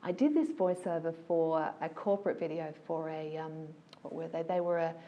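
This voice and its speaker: A woman, a voiceover artist telling stories about her career in a casual, animated, enthusiastic interview. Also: deep voice, moderate pace, dull audio.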